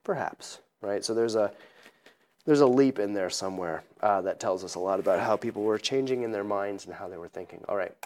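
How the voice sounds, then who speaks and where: A man's voice: lowish voice, brisk, a little mellow. A man giving a classroom lecture, rambling with many fillers and joking asides.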